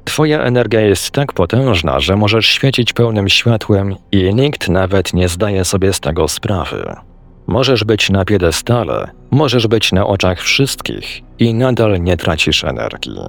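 A man reading the lines of a calm, wise old male sorcerer teacher, measured and gently amused. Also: deep voice, vocal fry, soft background music, exaggerated voice.

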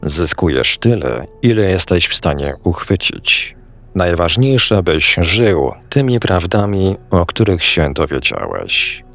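A man reading the lines of a calm, wise old male sorcerer teacher, measured and gently amused. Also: low-pitched, gravelly, faint music behind, heavily acted.

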